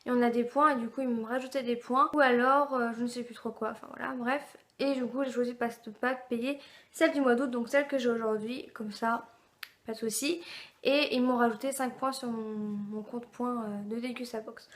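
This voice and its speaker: A woman's voice: a little high, steady tone, normal speed. A young woman from France, vlogging a casual unboxing at home, rambling with lots of fillers and restarts. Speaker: beauty and food box vlogger. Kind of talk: casual unboxing chat to camera.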